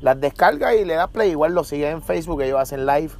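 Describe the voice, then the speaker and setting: A man's voice: on the high side, lively intonation, fast talker, vocal fry, a little mellow. A man hosting a podcast, asking questions in a chatty, playful, slangy way. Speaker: podcast host. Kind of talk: casual interview chat. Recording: noisy outdoor street recording.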